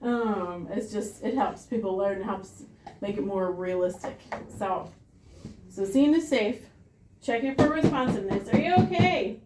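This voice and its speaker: A woman's voice: medium pitch, a little slow, a crowd in the background. A woman teaching a hands-on CPR class, patient and practical, encouraging her students. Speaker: CPR instructor. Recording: roomy classroom sound.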